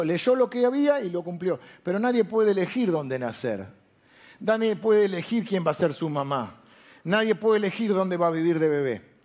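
Male preacher, high voice, talks straight to the crowd, quizzes them and answers himself. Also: darkish tone. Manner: direct, asks and answers his own questions. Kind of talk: conversational sermon to a live audience.

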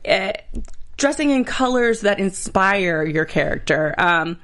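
A woman's voice: mid-range voice, animated, unhurried, fairly bright tone. A woman in her thirties chatting casually and enthusiastically as a guest, often hesitating. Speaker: talk show guest, costumer. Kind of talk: casual chat.

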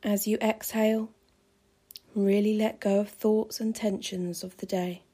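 A woman calmly guiding a pregnancy relaxation meditation with slow, soothing, measured phrasing. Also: mid-range voice, breathy edge. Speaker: meditation guide.

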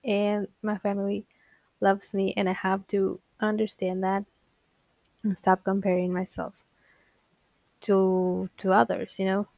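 On her own podcast, a young woman delivers a casual solo monologue, rambling candidly, laughing often, poking fun at herself and wandering off topic. Her mid-range voice is monotone, unhurried, creaky and a little mellow, with long pauses and no echo.

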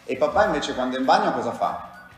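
Sing-song and fast, a woman with a very deep voice plays interviewer to a child during a mock casting, mixing teasing with encouragement. Faint music plays in a very echoey room.

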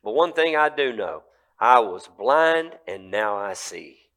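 A man's voice: fairly high pitch, expressive, moderate pace, a bit bright, voice pushed up. A man voicing a formerly blind man who answers his questioners bluntly and defiantly. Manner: blunt, challenging.

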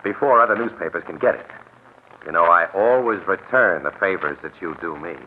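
A man's voice: deep voice, a little fast, close to an everyday voice. An American man playing a streetwise, easygoing newspaper photographer with casual slang in 1940s radio drama style. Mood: confiding. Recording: tinny, noisy old radio recording.

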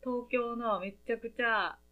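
A podcast host with a Kansai Japanese accent chats casually, rambling a bit and laughing often. Her voice is fairly high and steady in tone, a little slow. The audio is narrow and tinny.

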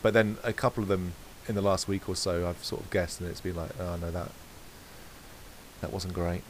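A man's voice: sits low, normal speed, noisy background. A man co-hosting a podcast, chatting casually and rambling through his thoughts with many restarts. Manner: rambling, self-correcting, relaxed. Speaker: podcast co-host. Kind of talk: casual chat.

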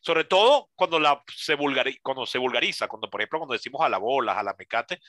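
A man's voice: mid-range voice, animated, fast talker, fairly bright tone, no echo. A man from Venezuela with a Venezuelan Spanish accent, explaining thoughtfully in casual talk, with restarts and self-corrections. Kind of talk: casual conversation about spelling.

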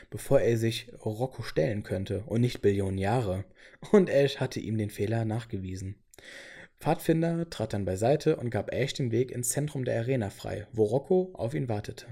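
A man's voice: medium pitch, mellow. A man reading a game storybook chapter aloud as the narrator.

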